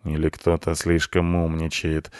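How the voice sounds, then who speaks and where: A man voicing a grumpy, belligerent male companion who grumbles gruffly. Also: rumbling low, monotone, unhurried, no echo, clean studio sound. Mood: grumbling.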